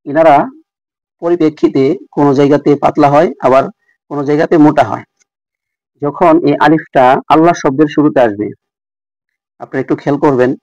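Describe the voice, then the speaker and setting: A man teaching Quran recitation rules, repeating each letter sound slowly and speaking directly to viewers. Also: fairly high pitch, darkish tone, no room sound, muffled recording. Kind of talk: tajweed lesson.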